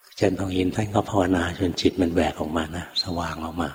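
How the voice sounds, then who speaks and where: Deep-voiced older monk in a reverberant hall. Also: male voice. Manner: calm, unhurried storytelling with quoted teachers. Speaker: Buddhist monk teacher. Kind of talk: dharma talk storytelling. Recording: long hall reverb, faint noise.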